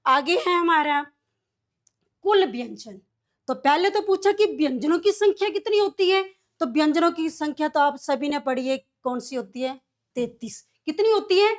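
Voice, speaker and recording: A woman teaching young children, asking each question and then answering it herself, repeating key words in a call-and-response classroom lesson. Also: high voice. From India.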